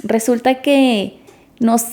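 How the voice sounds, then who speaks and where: Woman, podcast co-host, calm explainer, mellow, gravelly. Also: on the high side, slow pace. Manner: calm, explains step by step, asks the others questions. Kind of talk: casual explanatory chat.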